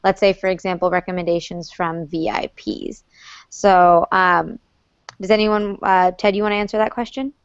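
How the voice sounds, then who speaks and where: Heard over slightly muffled video call audio, this student moderator from North Carolina, USA, a young adult, reads questions aloud and hands them off to others in a friendly, organized online Q&A. Her fairly low voice is clear and resonant, moving little in pitch, at a moderate pace with no room sound.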